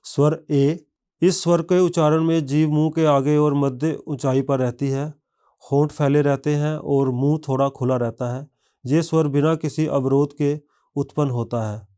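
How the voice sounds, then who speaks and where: A man narrating a scripted language lesson, reading word lists one by one in a measured way. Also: on the high side, steady tone, dark tone, clear, resonant tone. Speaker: language teacher.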